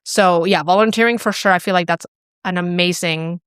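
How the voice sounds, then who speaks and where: A woman's voice: lowish voice, moderate pace, clear, resonant tone, dry recording, studio quality. A young woman from Chile, a clinic client care specialist, chatting casually in an interview with lots of fillers. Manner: relaxed, chatty, many fillers like "like" and "you know".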